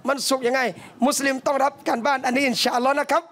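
High-voiced man preaching a lively sermon. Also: rapid-fire. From southern Thailand. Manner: animated storytelling, addresses listeners as brothers and sisters. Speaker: Islamic preacher. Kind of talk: lively sermon to a live audience. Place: cafe hall, live talk.

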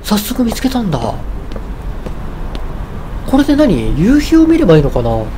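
A woman's voice: a little high, huge pitch swings, moderate pace, warm tone, slight background noise. A woman doing let's-play commentary on a game, chatty, laughing often and thinking aloud as she picks choices. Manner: chatty, laughing, talking to herself while choosing. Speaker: game streamer.

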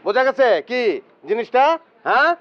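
A pompous know-it-all teacher. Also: male voice, extremely high pitch, very animated, a little slow, dull audio, slight background noise, heavily acted. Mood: lecturing. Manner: pompous, lecturing, keeps asking "understood?". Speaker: self-styled teacher lecturing at a tea stall. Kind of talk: TV comedy drama acting.

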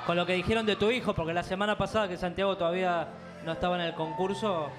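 Argentine male panel judge, high voice, live questioning over music and crowd. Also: steady tone, fast talker. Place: TV studio. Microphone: handheld microphone.

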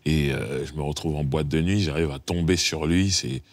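Low-voiced man telling lively anecdotes. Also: normal speed, no echo. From France. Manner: lively storyteller, acts out dialogue, chuckles often. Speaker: rapper, interview guest. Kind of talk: casual interview anecdotes.

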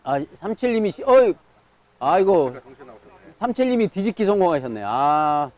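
A man's voice: high voice, big pitch swings, moderate pace, a little mellow. A man working as a live auctioneer, calling out bids, counts and sales in auction patter.

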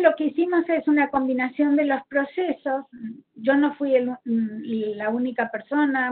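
A health professional from Argentina, a woman with an Argentine Spanish accent and a high-sitting voice, explains slides in a seminar over an online call. She hesitates while searching for words, and the connection sounds tinny and phone-like.

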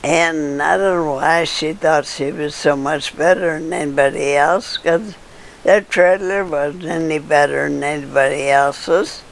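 An older woman being interviewed, telling old neighborhood stories in a halting way with fillers and chuckles. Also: sits low, fairly even intonation, vocal fry, slight background noise. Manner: halting storyteller with frequent laughs and fillers. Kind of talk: casual reminiscing.

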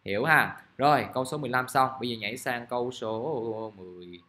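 A man, teaching English grammar in a casual, chatty way and reading example sentences out slowly. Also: medium pitch, sharp tone. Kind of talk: casual classroom explanation. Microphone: recording device at his desk.

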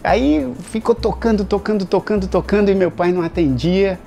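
A man hosting and telling a funny family story in a casual, animated way, often laughing and filling with tags. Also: sits high, brisk, vocal fry, soft background music. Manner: animated, laughing, many fillers. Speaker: host.

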